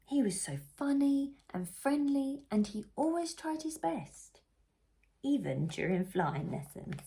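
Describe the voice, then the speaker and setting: Animated woman reading a children's storybook. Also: sits high, creaky. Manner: animated, unhurried, asks the listener questions. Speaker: children's book reader. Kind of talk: expressive storybook read-aloud for young children.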